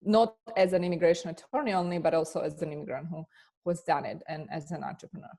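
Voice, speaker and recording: A woman's voice: deep voice, quick pace, warm tone. A woman from Slovakia with a Slovak accent, an immigration attorney answering interview questions earnestly, often restarting her sentences. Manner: earnest, with frequent fillers and restarts. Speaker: immigration attorney and business coach.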